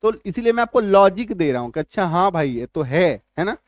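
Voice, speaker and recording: Male tutor, high voice, dry close sound, repetitive explaining style. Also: big pitch swings, dry recording. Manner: repetitive, checks in with "है ना" and "ठीक है"; spells words out letter by letter slowly. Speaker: English teacher. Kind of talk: spoken lesson to viewers.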